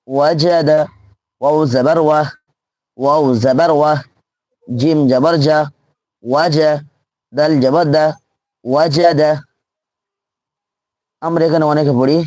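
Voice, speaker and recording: A man's voice: a little high, darkish tone, no echo. A man teaching Quran reading in a live online lesson, drilling letters and syllables aloud and repeating each one patiently.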